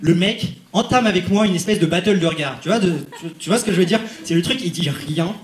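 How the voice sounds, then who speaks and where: A young male stand-up comic working a theatre crowd, chatty and direct. His voice sits fairly high for a man. The big room gives it a roomy echo. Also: fast talker. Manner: chatty, addresses the audience directly. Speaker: stand-up comedian. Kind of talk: stand-up comedy set. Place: comedy stage in a large theatre. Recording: echoey theatre.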